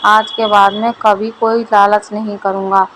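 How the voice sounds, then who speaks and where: A woman's voice: medium pitch, flat delivery, a little slow, fairly bright tone, slight background noise, lightly acted, low-quality recording. A woman voicing a greedy, cunning male village farmer who boasts and pleads. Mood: worried.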